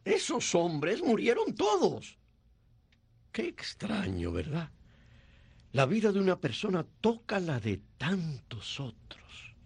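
An actor playing a gentle elderly male guardian angel in a dubbed classic film, slow and soft-spoken. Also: high voice, huge pitch swings, gravelly, slightly rough, no echo, full character voice. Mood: sorrowful.

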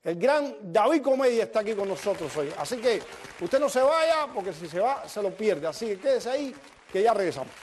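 A man's voice: high-pitched, brisk, a little hiss or hum. A man hosting a TV comedy show, telling jokes and acting out the dialogue in his stories. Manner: animated storyteller acting out dialogue. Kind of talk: comic monologue to the camera.

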